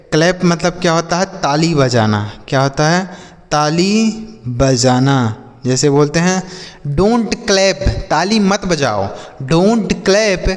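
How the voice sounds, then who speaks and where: A man's voice: fairly high pitch, in a large hall. A man teaching English vocabulary to beginners, spelling each word letter by letter, repeating it, and asking and answering his own questions. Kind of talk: slow spoken English lesson for beginners.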